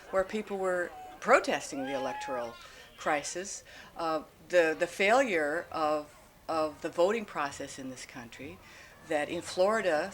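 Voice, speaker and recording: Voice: mid-range voice, a bit bright, a little hiss or hum. A documentary narrator giving an earnest, critical voice-over with a few small restarts.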